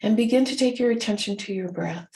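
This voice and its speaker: Speaking in short, calming phrases with leisurely pauses, a woman gently guides a meditation. Her voice sits in the middle range, and the recording quality is low.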